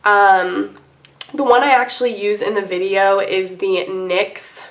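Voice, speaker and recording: A beauty vlogger with a medium-pitched female voice chats casually to camera in a makeup tutorial, sounding sick, under the weather and icky with congestion. Her informal, rambling delivery is a little slow with fairly even intonation, and the room is noticeably echoey.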